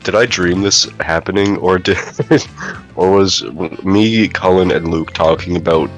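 A young man joking around slowly while reacting to videos with friends. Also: sits low, faint music behind. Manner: slow, joking banter. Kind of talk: casual reaction commentary.

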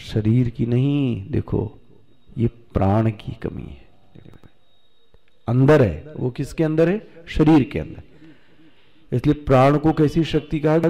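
Indian swami, unhurried scripture discourse, soft dark tone, asks and answers himself. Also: male voice, medium pitch, gravelly. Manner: rhetorical questions answered himself; slow, drawn-out recitation of Sanskrit.

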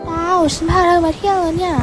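A woman's voice: extremely high pitch, little pitch movement, quick pace, over music. A female performer voicing a friendly young mermaid princess who acts as a protective guide, eager and reassuring, in amateur story role-play.

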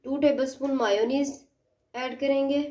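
A woman hosting a cooking channel, calmly explaining each step of a recipe in a voice-over while she cooks at home. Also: sits high, moderate pace. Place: home kitchen.

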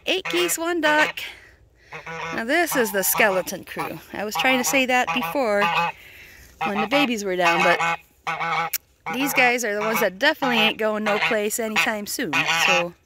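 On a cold farm, a woman records a casual outdoor vlog with her pet geese, her fairly high voice lively and moderately paced. She chuckles often and talks to her goose in cooing baby talk, while geese honk and a loud crowd can be heard.

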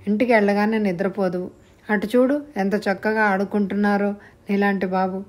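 A gentle, reserved young mother from a spoken storybook, coaxing a child in a soft, even voice, as a woman narrator puts her on. Her tone is kind and quiet. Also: medium pitch, a little fast, natural voice.

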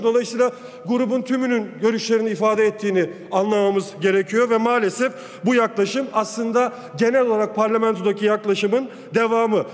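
A man addresses a large chamber from a rostrum pulpit microphone, his voice pitched high for a man. He builds emphatic, repetitive lists with oratorical force. A long hall reverb trails each phrase. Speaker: member of parliament. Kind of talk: parliamentary floor speech. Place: parliament chamber, speaking from the rostrum.

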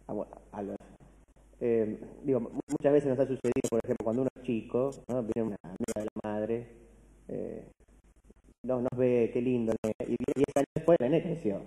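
Before a big crowd, an Argentine Spanish speaker gives a conversational philosophy lecture in a medium-pitched voice that is very dark and mellow. He often ends points with "¿no?" and restarts words mid-flow, and each phrase echoes with the long reverb of a large hall.

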